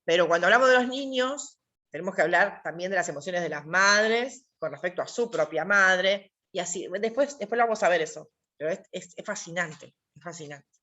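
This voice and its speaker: A woman's voice: on the low side, fairly quick, bright, forceful tone. Emphatic Argentine woman teaching a class. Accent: Argentine Spanish. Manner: repetitive, emphatic, asks rhetorical questions. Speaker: workshop teacher. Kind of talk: online class lecture.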